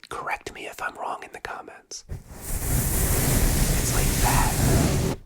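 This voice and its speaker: Whispered fast aggressive ASMR, casual and chatty. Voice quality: breathy unvoiced whisper. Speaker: ASMR content creator, host. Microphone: close sensitive ASMR microphone.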